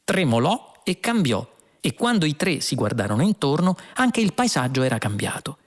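A man narrating an audiobook with a measured, expressive reading. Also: on the high side. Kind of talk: scripted narration.

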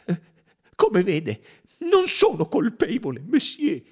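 A man voicing a frightened young male train conductor who stammers and pleads in a high voice, in an audiobook reading. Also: huge pitch swings, normal speed, breathy edge, full character voice. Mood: panicked.

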